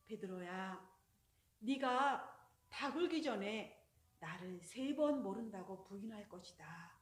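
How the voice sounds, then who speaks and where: A woman voicing a calm, gentle adult male teacher who speaks softly and solemnly. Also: slow. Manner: soft, low, solemn. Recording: roomy echo.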